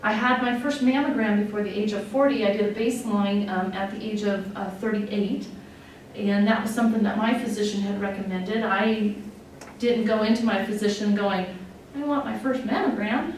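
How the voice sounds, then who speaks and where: A woman's voice: mid-range voice, fairly even intonation, moderate pace. Woman in her 40s from wyoming, nurse telling her story, candid and emotional, lots of ums, far off mic in a super echoey room. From Wyoming, USA. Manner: candid, conversational, many fillers, openly emotional. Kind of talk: personal testimony talk. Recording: echoey room, distant mic, faint noise.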